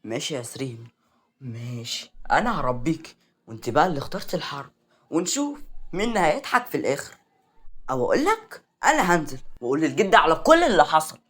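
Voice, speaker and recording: A woman's voice: sits low, big pitch swings, fast talker, slightly rough, heavily acted. A woman voicing a spoiled, scheming young woman, indignant and bitter, in an Egyptian Arabic accent.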